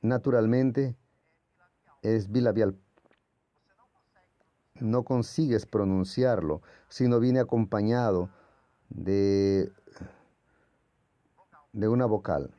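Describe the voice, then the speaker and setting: Slow, low-voiced man teaching a lesson. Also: dry recording, dull audio. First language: Portuguese. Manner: patient, explanatory, demonstrates sounds aloud. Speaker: Greek language teacher. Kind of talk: classroom lecture.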